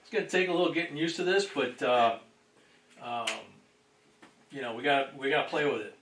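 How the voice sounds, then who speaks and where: A man hosting a casual livestream and greeting viewers, sounding distant from the boom microphone. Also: fairly quick, a bit bright, slight background noise. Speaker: livestream host. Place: indoors at a table. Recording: roomy echo, distant microphone.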